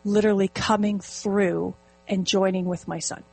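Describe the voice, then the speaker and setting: Husky-voiced woman telling a story. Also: medium pitch, normal speed, low-quality recording. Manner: animated, storytelling with quoted inner speech. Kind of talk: casual chat.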